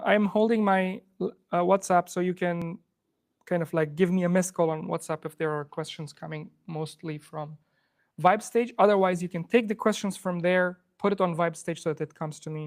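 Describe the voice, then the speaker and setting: A man's voice: high-pitched, steady tone, normal speed, gravelly. Man hosting a workshop. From Afghanistan. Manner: loose, chatty, with many fillers and restarts. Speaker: host of live coding workshop. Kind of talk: live workshop talk. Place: room with an in-person audience.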